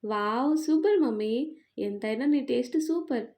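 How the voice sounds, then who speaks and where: A cheeky young daughter who whines and teases her parents with affection, as a woman puts her on. The voice sits a little high, but the tone stays warm and mellow, like a storybook read aloud. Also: animated, measured pace. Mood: playful. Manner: teasing, whiny and affectionate.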